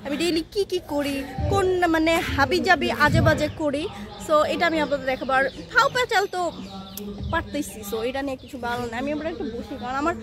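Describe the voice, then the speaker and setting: High-voiced young woman vlogging outdoors. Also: expressive, quick pace, a crowd in the background. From Bangladesh (Bogura). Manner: rambling, many fillers and restarts, mixes in English words. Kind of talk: casual chatty vlog. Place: rooftop outdoors. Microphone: phone held in hand.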